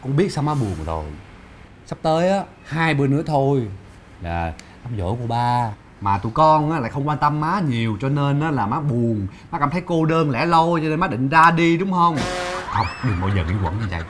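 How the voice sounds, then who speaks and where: An actor playing a grown son who lectures his mother in an animated way. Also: medium pitch, moderate pace, slight background noise, close to an everyday voice. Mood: lecturing. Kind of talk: sitcom acting. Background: music.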